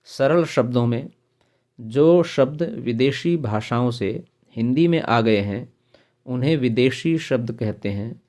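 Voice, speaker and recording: A man's voice: medium pitch, dark tone. A man teaching a grammar lesson, reading out lists of example words one at a time. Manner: slow, listing word examples one by one.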